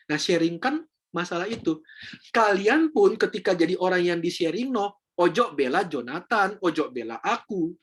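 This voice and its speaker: A man's voice: sits high, lively intonation, moderate pace, fairly bright tone, husky. Chatty male counselor. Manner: chatty, explanatory, addresses audience as friends. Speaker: counselor giving a talk. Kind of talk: casual seminar talk.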